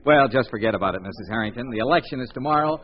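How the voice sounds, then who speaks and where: A man's voice: medium pitch, expressive, racing, natural voice. An actor playing a breezy, flippant male private investigator in a 1940s radio comedy mystery. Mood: wry, reassuring. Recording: dull old radio recording.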